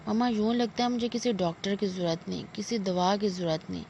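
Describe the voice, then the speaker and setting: A woman voicing a heartbroken young man who speaks softly, slowly and wearily. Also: medium pitch, steady tone, vocal fry, close to an everyday voice. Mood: weary. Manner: quiet, slow and tired. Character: weary heartbroken young man, soft-spoken son. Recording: dull lo-fi with faint noise.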